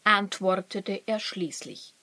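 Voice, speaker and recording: A woman narrating a children's story in a calm, even storytelling manner. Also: mid-range voice, takes it slowly, dry recording.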